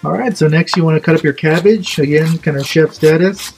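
A man's voice: on the high side, a little fast, creaky, a little mellow, faint music behind. Drunk, goofy young man cooking on camera. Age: young adult. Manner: drunk, goofy, loose and rambling. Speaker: vlog host. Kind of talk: casual comedic cooking vlog. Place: home kitchen, indoors.

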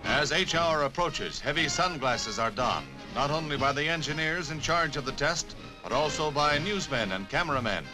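A man's voice: fairly high pitch, animated, normal speed, over music, low-quality recording. A man narrating an old 1950s newsreel in a dramatic, declamatory scripted delivery. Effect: old 1950s newsreel sound.

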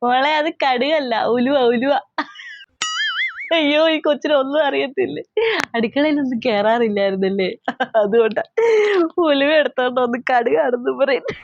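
A woman voicing a scheming middle-aged mother-in-law who talks slowly and mockingly. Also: high-pitched, noisy background. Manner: slow, coaxing, mocking. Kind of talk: comedy skit acting. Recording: slightly dull lo-fi audio.

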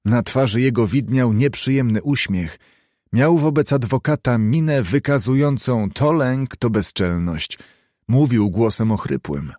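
A man narrating a classic novel in an audiobook, reading at a measured, even pace. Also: medium pitch, no room sound, studio quality. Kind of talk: scripted literary narration.

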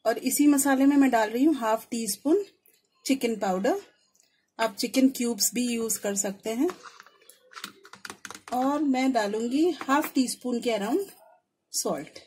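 A woman's voice: a little high, unhurried, pauses often, a little mellow. A woman giving step-by-step cooking instructions, mixing in English words. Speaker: home cook presenting her recipe channel. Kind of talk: step-by-step cooking tutorial voice-over. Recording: clear kitchen noise, frying sizzle. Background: sizzling food and stirring.

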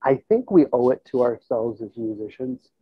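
A school band teacher and musician, interviewed over a video call, speaks in a husky, medium-pitched voice with big pitch swings at a moderate pace. He reflects casually, thinking aloud and checking in with "you know" and "right?". Using an earbud headset in a plain indoor room, the audio is tinny and band-limited with no room sound.

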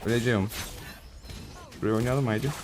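A man's voice: mid-range voice, steady tone, a little fast, over music. A young man giving casual, slangy live commentary on his own match, chatting to viewers and teammates. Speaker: gaming streamer.

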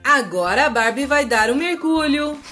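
A woman's voice: high-pitched, animated, takes it slowly. A woman with a Brazilian accent hosting a toy unboxing for children, speaking in a sing-song, exclamatory way to little kids. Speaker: children's toy channel host. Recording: music behind the voice. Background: background music.

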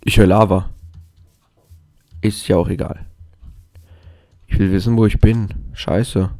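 A man's voice: low-pitched, steady tone, takes it slowly, creaky, warm tone, dry recording. A man giving casual gameplay commentary, hyper and jokey, rambling to himself. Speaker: let's play gamer.

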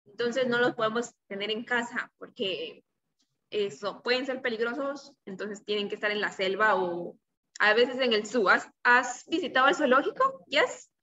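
A young woman, a native Spanish speaker, teaches small children in a slow, simple, encouraging way, as if talking to a toddler, having them repeat words. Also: on the high side, sharp tone. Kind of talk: preschool vocabulary lesson for repeat-after-me practice. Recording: distant, slightly muffled video-call audio.

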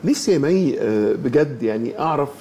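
A middle-aged man with an Egyptian accent, hosting a talk show interview in an animated, teasing way. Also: medium pitch, quick pace, noisy background. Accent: Egyptian Arabic. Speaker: host.

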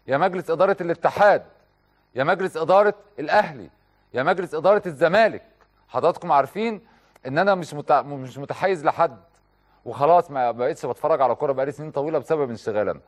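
A man's voice: a little high, rapid-fire. A man with an Egyptian accent hosting a TV talk show, delivering an impassioned studio monologue full of rhetorical questions and direct appeals.

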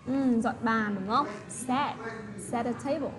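A woman's voice: a little high, a crowd in the background. Patient woman teaching kids English. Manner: patient, slow model pronunciation with tag questions. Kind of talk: English lesson for children, explained in another language. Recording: steady background noise.

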